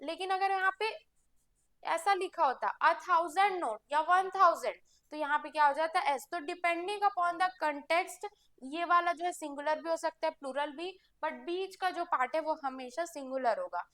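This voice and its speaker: A woman's voice: extremely high pitch, measured pace, sharp tone. A woman teaching English grammar for exam prep, explaining step by step and answering her own questions.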